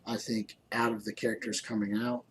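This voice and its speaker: A man with a fairly low voice talks through a mobile game as a YouTuber, tired and rambling, pausing on ums and restarting sentences. A faint room hum sits behind him. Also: little pitch movement. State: tired, yawning. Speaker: gaming YouTuber. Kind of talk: casual game commentary.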